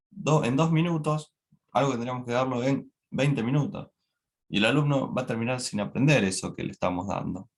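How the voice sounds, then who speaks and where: A man's voice: medium pitch, gravelly. Young Argentine man giving a lecture. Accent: Argentine Spanish. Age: young adult. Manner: explanatory, frequent tag questions and fillers. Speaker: student presenting a lecture on a teaching text. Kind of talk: classroom lecture.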